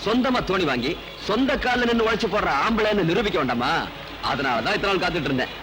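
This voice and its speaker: An actor playing a cheerful, boisterous young fisherman and laborer, loud and bantering, in Tamil film dialogue. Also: high-pitched, lively intonation, quick pace, rough recording. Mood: earnest. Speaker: film character. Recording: film soundtrack with loud music.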